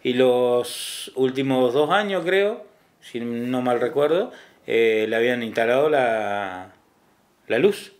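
A man's voice: mid-range voice, animated, slow. A middle-aged man with an Argentine Spanish accent, who works as a hospital ambulance driver, talks casually in an interview, hesitating, repeating words and tagging his sentences with questions.

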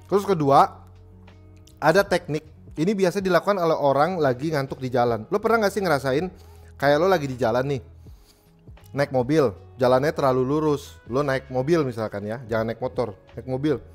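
A man's voice: mid-range voice, normal speed, faint music behind. A man, a livestream host who reads viewer messages and gives joking, slangy advice. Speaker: streamer reading viewer messages. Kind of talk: casual livestream chat.

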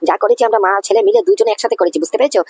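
A woman's voice: on the high side, very animated, racing, mellow, slight background noise. A woman voicing a quarrelsome, hot-tempered grown-up son in a cartoon. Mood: defensive. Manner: quarrelsome, blustering.

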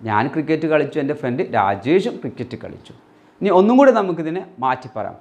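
A man teaching English grammar, asking questions and then answering them himself, and reading English example sentences out slowly. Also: fairly high pitch, very animated, a little mellow. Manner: mixes English words into his explanations. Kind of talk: explaining grammar in a recorded lesson.

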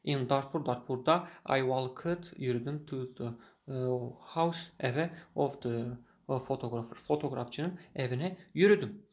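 Duraksayan erkek İngilizce öğretmeni. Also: male voice, medium pitch, darkish tone. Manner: halting, many filler sounds. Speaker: English teacher. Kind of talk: reading a story and translating line by line.

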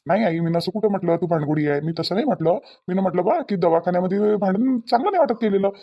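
A man's voice: high-pitched, expressive, fast talker, dry recording, dull audio. Man voicing a placating Varhadi village husband. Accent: Varhadi Marathi. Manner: pleading, placating. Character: young village husband, peacemaking son-in-law.

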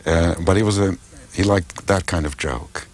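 Answering an interviewer, an older man from the US speaks in a very deep voice at an ordinary pace. A translator and political philosopher, he sounds thoughtful yet unsure, often restarting sentences and leaning on fillers.

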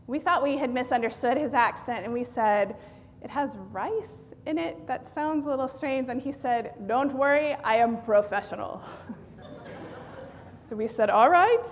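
A woman in her thirties, a pastor, preaching a sermon with lively storytelling and acted-out quotes. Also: high-pitched, a little slow, slight background noise. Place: large church sanctuary, indoors. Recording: long church reverb.

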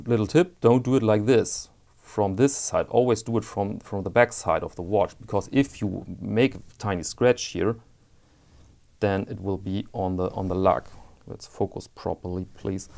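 A man's voice: on the low side, gravelly, a little mellow. A man giving a casual watch strap review, hesitant and often repeating words as he searches for them, with candid personal opinions.

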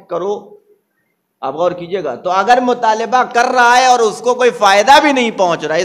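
A male cleric with an Indian Urdu-Hindustani accent, preaching a sermon to a gathering, repeating his phrases and asking the crowd to confirm, and building to forceful emphasis. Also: sits high. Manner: rhetorical, repeats phrases, asks the crowd "isn't it?"; rises to forceful emphasis on key points. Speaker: Shia cleric giving a majlis sermon.

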